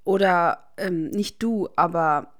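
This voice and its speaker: A woman's voice: fairly low pitch, slow pace. A woman voicing a cheerful, cocky teenage wizard boy with a playful, easygoing manner.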